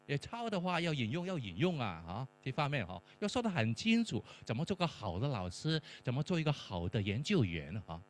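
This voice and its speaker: Animated middle-aged man telling a story. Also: mid-range voice, brisk, few pauses. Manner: animated storyteller acting out dialogue. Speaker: professor and church mentor. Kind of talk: testimony-style storytelling. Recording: faint mains hum.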